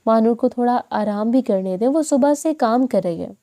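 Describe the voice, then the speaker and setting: Young bride sister talking back to mom, woman reading it, pleading, warm voice. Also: on the high side, lightly acted. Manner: pleading, reproachful. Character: outspoken young bride defending her sister.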